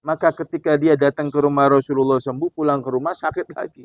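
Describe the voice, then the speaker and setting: A man's voice: fairly high pitch, steady tone, fast talker, no room sound, lightly acted. A man voicing a humble sickness spirit. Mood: deferential. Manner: deferential, explaining plainly. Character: a sickness spirit, humble, sent to test faith. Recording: dull, dry recording.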